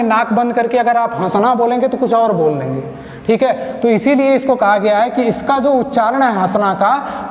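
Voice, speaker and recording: Male tutor, high voice, explains patiently and checks in after every point, long reverb. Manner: explains step by step, checks with repeated "ठीक है"; asks the class questions and answers them himself. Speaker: Hindi grammar teacher. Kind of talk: online exam-prep lecture. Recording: echoey room with long reverb.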